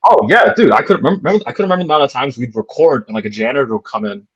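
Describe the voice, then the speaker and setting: Young canadian guy, husky voice, dry sound, rambly playful podcast talk. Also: medium pitch, sing-song, racing, no echo, lo-fi sound. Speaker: podcast co-host. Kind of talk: casual chat.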